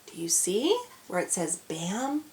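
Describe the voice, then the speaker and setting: A woman's voice: on the low side, lively intonation, unhurried, a bit bright. A woman reads a picture book aloud to young children. Her delivery is exaggerated and cheery, aimed squarely at little kids, with questions for the listeners along the way. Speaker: storyteller reading to children. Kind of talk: animated children's read-aloud.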